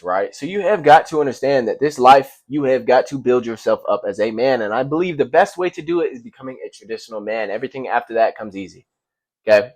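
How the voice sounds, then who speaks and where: A young man giving a casual motivational monologue, blunt and profane, full of slang and repeated phrases, sometimes stumbling over his words. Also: mid-range voice. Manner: slangy, calls listeners bro. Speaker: self-improvement vlogger.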